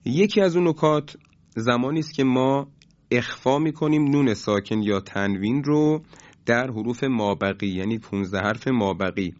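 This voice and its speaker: A man teaching Quran recitation in a recorded lesson, his voice sitting at an ordinary middle pitch. He explains each point in a measured, patient way, with hesitant fillers between phrases. The recording sounds dull and lo-fi, with the top end muffled. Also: darkish tone.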